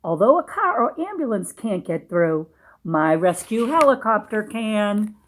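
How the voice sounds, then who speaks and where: Very animated and pitched in the middle, a woman reads a story to young kids. She stops in a teacherly way to check their understanding and explain things simply.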